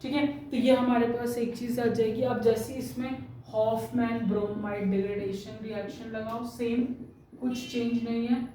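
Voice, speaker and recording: A woman from India teaching a chemistry lesson in a mix of Hindi and English, drawing out technical terms slowly as she writes. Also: fairly high pitch, little pitch movement, warm tone, a little hiss or hum. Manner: slow, stretches out technical terms while writing. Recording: very echoey room, voice far from mic.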